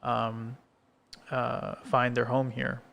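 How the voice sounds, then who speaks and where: Speaking slowly with vocal fry, this male podcast co-host has a medium-pitched, slightly bright voice and a completely flat delivery. He rambles in casual conversation on a filmed coffee shop set, with many fillers and restarts.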